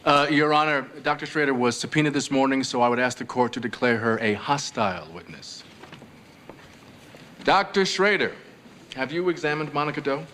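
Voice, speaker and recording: An actor playing a hesitant, wry defense lawyer who questions haltingly in a TV courtroom drama. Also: male voice, mid-range voice, lively intonation, pushed and bright, slight background noise. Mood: tentative, wry. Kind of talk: television courtroom drama acting.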